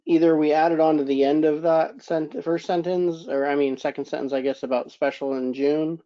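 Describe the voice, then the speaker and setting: A man on a town board talks through an idea, hesitating and filling gaps with "um" and "you know." His voice is mellow and dark. The sound is muffled and lo-fi. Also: fairly high pitch, fairly even intonation, normal speed. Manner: hesitant, searching for words with many fillers. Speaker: board member. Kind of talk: public meeting discussion.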